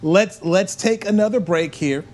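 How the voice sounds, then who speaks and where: A man's voice: high voice, a little slow, a little mellow, soft background music. An American man hosting a sports radio show with casual chat.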